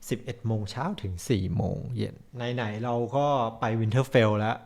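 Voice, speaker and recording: A man from Thailand co-hosting a casual travel chat, talking in a relaxed, chatty way and stumbling over foreign place names. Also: fairly low pitch, a little slow, gravelly. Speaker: co-host.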